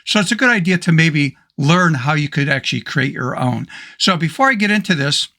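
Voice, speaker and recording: Hoarse, gravelly man teaching software. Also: a little high, animated, fairly quick. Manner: casual, step-by-step with fillers. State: hoarse, losing his voice. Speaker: photo editing tutor. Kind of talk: screen-recorded software tutorial.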